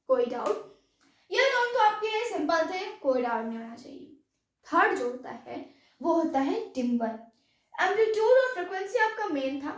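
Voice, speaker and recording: Female science teacher lecturing a class, high-pitched, recorded from a distance in a roomy echo. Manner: mixes English terms into Hindi, repeats checks like "any doubt". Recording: echoey room, voice from far off.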